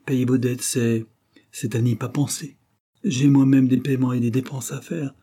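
A man reading an audiobook, voicing a calm, wealthy gentleman who refuses in measured tones. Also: medium pitch, breathy edge, voice pushed up. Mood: calm refusal.

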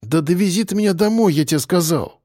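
A man's voice: on the high side, lively intonation, normal speed, a little mellow, no echo, studio quality, pitched above the performer's own voice, lightly acted. A man reading an audiobook voices a brash fourteen-year-old boy who brags and talks back. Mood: cocky.

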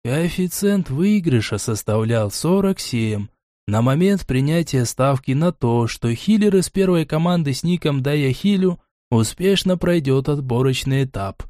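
A man's voice: fairly high pitch, animated, warm tone, dry recording, studio quality. A man reading an audiobook, voicing a patient, pedantic male gnome bookmaker who speaks formally and precisely. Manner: polite, formal, measured. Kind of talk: audiobook character voice.

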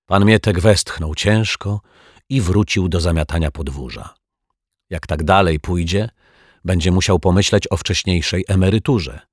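A man reading a children's story aloud with steady, gently expressive narration. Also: deep voice, a little slow, dry recording, clean studio sound.

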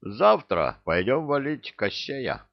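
A man's voice: mid-range voice, sing-song, slow pace, creaky, dry recording, highs cut off, voice pushed up, exaggerated voice. A man voicing a cheeky, glib young adventurer who wheedles, in an audiobook. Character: cheeky young male adventurer, smooth-talking chancer.

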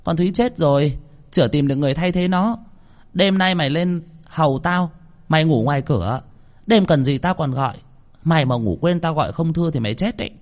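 A man's voice: a little high, animated, fairly quick, pitched above the performer's own voice, natural voice. A man doing a spoiled, bossy young woman. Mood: petulant. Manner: petulant, bossy. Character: spoiled, cruel young daughter.

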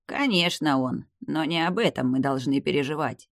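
A man reading the part of an old vampire clan head, the narrator's grandfather, in a grave, measured, weary manner. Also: on the high side, dry recording, studio quality, lightly acted. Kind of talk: audiobook character reading.

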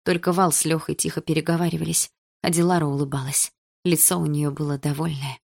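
A woman with a fairly low voice narrates a first-person novel. She reads in an even, measured way, keeping the story moving steadily. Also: gravelly. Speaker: audiobook narrator.

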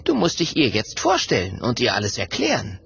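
A man's voice: mid-range voice, huge pitch swings, fairly quick, gravelly, fairly bright tone, husky, heavily acted. A man voicing a friendly little male dragon in a children's audiobook, kind and reasoning. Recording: dull audio with faint music.

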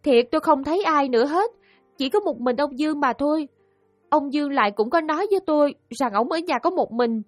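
In this audiobook drama, a young woman accused of murder, pleading earnestly and deferentially before an official. Her voice sits high and close, with a dry, unreverberant sound. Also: lively intonation, brisk, dry recording, soft background music.

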